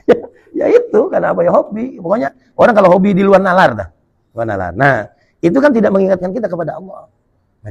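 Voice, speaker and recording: A man's voice: sits high, vocal fry, breathy edge, lo-fi sound. A male preacher, giving a jokey, colloquial sermon at a mosque gathering after dawn prayer, reading and explaining Arabic text. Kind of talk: humorous sermon.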